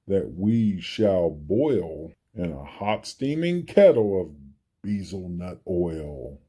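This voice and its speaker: A man's voice: low-pitched, big pitch swings, slow pace, warm tone, slightly rough, voice pushed down, exaggerated voice. A man voicing a big female kangaroo in a storybook, haughty, snappy and scornful. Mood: threatening.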